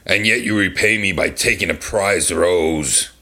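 A man's voice: deep voice, measured pace, sharp tone, exaggerated voice. A man voicing an angry male beast who scolds a thief in a storybook. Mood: stern scolding. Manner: stern, scolding. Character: gruff, angry male beast, castle master.

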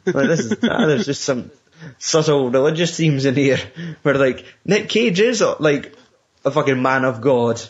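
A man's voice: medium pitch, animated, moderate pace. A young Scottish man chatting casually about a film, sweary and rambling, often laughing as he retells scenes. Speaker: podcast co-host. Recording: dull lo-fi recording.

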